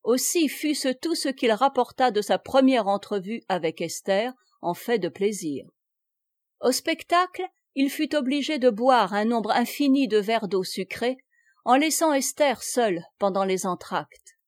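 A woman reads a classic novel aloud in an unhurried, deliberate way, giving each phrase weight. Her voice sits slightly high for a woman. The recording is dry and close, with no room around it. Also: animated, no room sound. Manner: slow, measured, theatrical reading. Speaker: audiobook narrator. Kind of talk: scripted narration of a classic novel.

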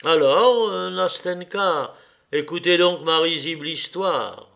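A man reading a classic novel aloud, playing the first-person narrator's dialogue in an unhurried, theatrical way. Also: on the high side, gravelly, a bit bright. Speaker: reader. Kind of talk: audiobook reading of classic fiction.

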